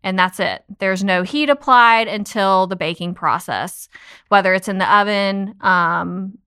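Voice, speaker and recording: Female test kitchen director, calm explainer, smooth and bright. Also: mid-range voice, unhurried. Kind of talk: casual podcast chat.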